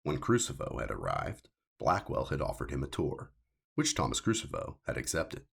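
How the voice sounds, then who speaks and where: Reading his own science fiction story, a man narrates in an extremely low voice full of gravelly fry and husky grain. He keeps a measured, deliberate delivery while swinging his pitch lively for emphasis.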